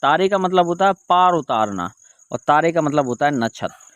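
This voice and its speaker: A man's voice: a little high, animated, normal speed, fairly bright tone, clear, resonant tone, no echo, highs cut off. A man teaching an online exam-prep lesson, repeating key terms and asking and answering his own questions. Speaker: Hindi exam tutor.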